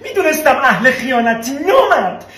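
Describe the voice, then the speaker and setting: A man putting on a shrill betrayed mother. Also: very animated, heavy background noise. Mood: outraged. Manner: shrieking accusations. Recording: roomy echo, music underneath.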